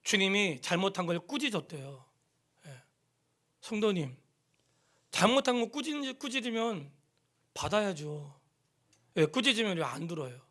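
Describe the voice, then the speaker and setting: A man's voice: sits high, sing-song, unhurried, pauses often. Fervent Korean man preaching a sermon. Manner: emphatic preaching, swings from loud exhortation to hushed near-whispers; questions the congregation and has them repeat lines. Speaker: pastor. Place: church sanctuary.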